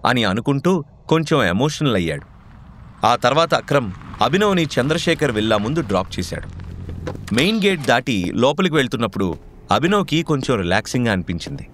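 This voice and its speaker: A man narrating a dramatic audio story in an expressive way, over faint background music. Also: mid-range voice, a little fast, slight background noise. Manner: expressive, voicing every character.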